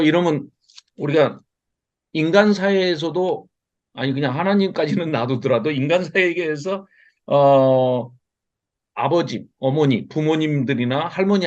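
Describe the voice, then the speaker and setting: A man teaching an online Bible class over a video call, lively and expressive, often chuckling and putting questions to his class. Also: on the high side, highs cut off.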